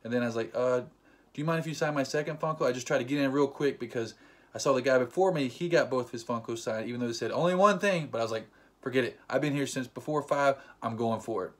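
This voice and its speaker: In a laid-back vlog, a young man talks to the camera, joking around with a playful streak. His pitch is a normal mid-range, and while recounting the story he drops in small acted-out quotes.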